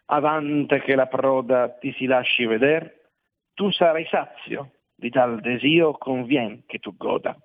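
A wise older guide speaks with calm, measured assurance, as a man reads him out. The sound is tinny and narrow, as if through a phone line. The voice is dry and close, with no room around it. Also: medium pitch, no echo, natural voice. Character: wise stern male poet guide, older.

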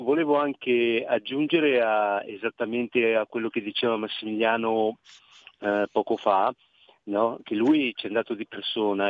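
A man's voice: lowish voice, dry recording. A man from Milan calling in to a radio show over the phone, chatting casually and often stumbling and repeating words as he searches for them. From Milan, Italy. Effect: heard over the phone. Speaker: radio call-in listener. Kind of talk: casual call-in chat. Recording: tinny dry phone line.

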